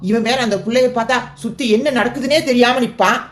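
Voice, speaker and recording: A woman's voice: fairly high pitch, fairly even intonation, quick pace, close to an everyday voice. A woman voicing a fussy grey-haired village man in a cartoon serial, grumbling and flustered in rural banter. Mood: fretful. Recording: music bed under voice.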